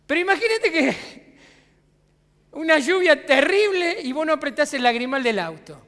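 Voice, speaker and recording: A man's voice: very high-pitched, expressive, normal speed, bright, forceful tone, in a large hall. A man with a Rioplatense Argentine accent preaching a conversational sermon as pastor, asking his congregation rhetorical questions. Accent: Rioplatense Spanish. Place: church sanctuary.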